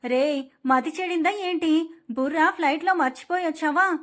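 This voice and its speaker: A woman voicing a stern middle-aged father who scolds gruffly. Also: extremely high pitch, moderate pace, fairly bright tone.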